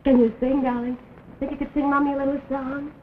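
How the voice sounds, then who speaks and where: An actress playing a doting woman who coos and laughs softly while caring for a little girl, in early talkie film acting. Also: high-pitched, flat delivery, a little fast, narrow, tinny audio, natural voice. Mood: tender. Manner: cooing, soft and laughing. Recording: scratchy 1920s film sound, hissy.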